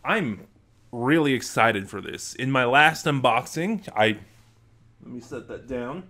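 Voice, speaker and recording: In a small room at home, a young adult man hosts a casual unboxing and review vlog, speaking chattily into a desk microphone close in front of him. His medium-pitched voice is expressive, bright and forceful, and he keeps a measured pace.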